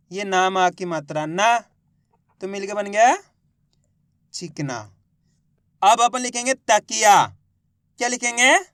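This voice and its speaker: A man's voice: sits high, fairly bright tone, clear, resonant tone, dry recording, clean studio sound. A man teaching reading, drawing out each syllable and quizzing viewers as a teacher. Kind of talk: slow spelling lesson, sounding out syllables.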